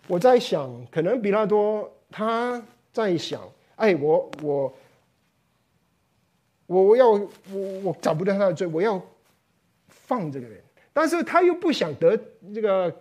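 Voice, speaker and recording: Animated, high-voiced man preaching a sermon. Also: breathy edge. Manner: animated, acts out quoted voices, repeats words; drops to hushed low voice for emphasis. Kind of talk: expository sermon.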